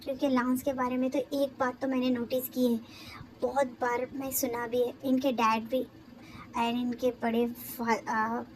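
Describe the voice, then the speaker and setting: A woman's voice: a little high, little pitch movement, a little slow, low-quality recording. A woman casually narrating her own fan-fiction story, rambling with fillers and restarts.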